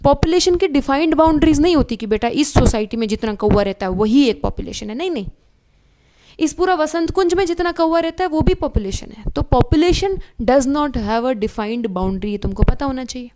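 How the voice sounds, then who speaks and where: High-voiced woman teaching biology. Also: fairly quick. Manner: animated, addresses students as beta, asks checking questions. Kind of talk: online exam-prep lecture.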